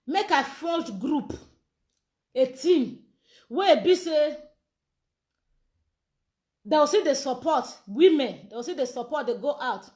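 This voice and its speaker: A woman's voice: sits high, lively intonation, slow pace, long pauses, a little mellow. A woman with a Nigerian accent, a political campaign organizer, talking in a live social media monologue in a heated, insistent way. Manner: heated and insistent, repeating demands to be heard.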